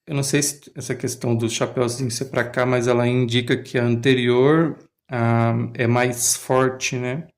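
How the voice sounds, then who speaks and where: A man's voice: medium pitch, little pitch movement, normal speed, hardly any pauses. A man, talking casually and hesitantly as he comments on a language lesson. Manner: thinks aloud, hesitant, restarts often. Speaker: language learner host.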